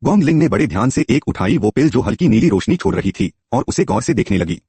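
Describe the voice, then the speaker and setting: Husky male storyteller with lively pitch. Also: fast, dry recording. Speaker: narrator. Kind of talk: scripted story narration.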